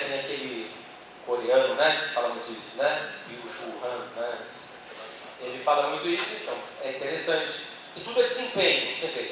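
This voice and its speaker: The recording comes from an echoey, noisy meeting hall where a panel speaker at a church event talks to an audience. He has a Brazilian Portuguese accent, a fairly high, slightly bright voice, and a chatty style packed with tag questions; his handheld mic picks him up from a distance, off-mic.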